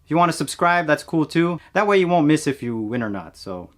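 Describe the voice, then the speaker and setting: A man in his thirties, a cosplay prop maker, talks through his build steps in a relaxed, plain way in a casual tutorial voice-over. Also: on the high side, a little fast. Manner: relaxed, plain step-by-step explaining. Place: home workshop, indoors.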